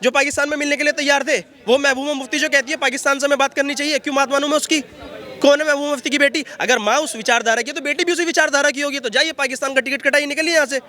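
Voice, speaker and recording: A man with a very high, bright voice rants forcefully in a street interview. He talks outdoors in a city and piles up repeated phrases as he argues. His tone is sharp and insistent. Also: steady tone, racing. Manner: forceful, repetitive ranting. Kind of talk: heated street vox pop.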